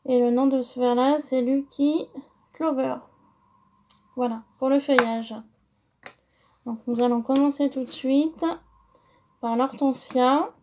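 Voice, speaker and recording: A woman's voice: high-pitched, steady tone, slow, pauses often, darkish tone. A woman with a French accent explaining a paper-crafting project step by step, hesitant with many fillers. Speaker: crafting tutorial host. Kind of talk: casual craft tutorial.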